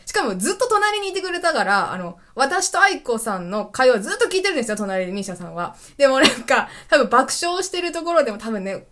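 Woman host with a stuffy nose, casual excited monologue, animated pitch. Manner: lively, enthusiastic, laughs often. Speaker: web radio host. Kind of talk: solo casual radio talk.

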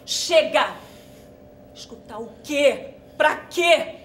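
An actress playing a betrayed young woman, tearful and pleading, then shouting in disgust. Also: high-pitched, lively intonation, extremely slow, heavily acted. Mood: furious. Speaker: actress in a drama exercise. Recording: echoey room with clear noise.

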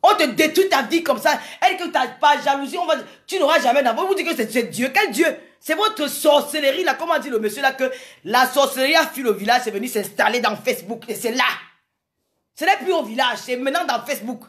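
A woman's voice: sits high, lively intonation, a little fast, fairly bright tone. A woman from Cameroon, giving an impassioned live monologue to her viewers, repeating her phrases for emphasis and greeting commenters by name. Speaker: live streamer talking to viewers.

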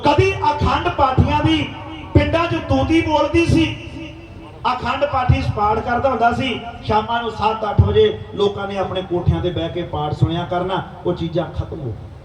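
A man preaches at a religious gathering and tells a story with lively, animated delivery, slipping into the voices of its characters. His voice sits high for a man. The sound is roomy and echoing, picked up from a distance over faint background ambience. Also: normal speed. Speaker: dhadi preacher. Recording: echoey live stage, heard from afar, faint ambience.

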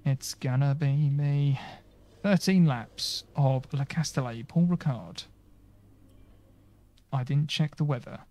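A man's voice: medium pitch, slow pace, pauses often, a little mellow. A young man commentating live over a racing game, chatty and bantering with the game voices. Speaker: gaming streamer.

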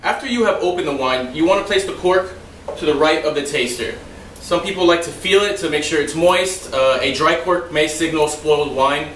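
A young man giving a steady, explanatory lesson on serving wine, demonstrating in a home dining room while a camera records him from a distance. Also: a little high, moderate pace, a little hiss or hum. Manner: steady explanatory delivery, some loose asides. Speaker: restaurant server trainer. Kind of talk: instructional demonstration. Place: dining room in a house, indoors. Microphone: far camera, no visible mic. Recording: roomy echo, mic far off.

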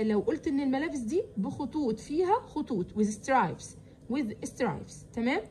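A woman with an Egyptian Arabic accent teaching English vocabulary to children, saying each word slowly and repeating it for drilling. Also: sits high, a little mellow, a little hiss or hum. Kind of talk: vocabulary lesson.

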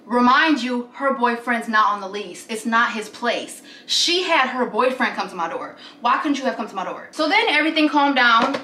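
A woman's voice: fairly high pitch, lively intonation, moderate pace, hardly any pauses, sharp tone, slight background noise. A young woman chatting animatedly through a home vlog in her apartment, often laughing, filmed by a camera at a distance. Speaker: lifestyle vlogger. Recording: roomy echo, away from the mic.

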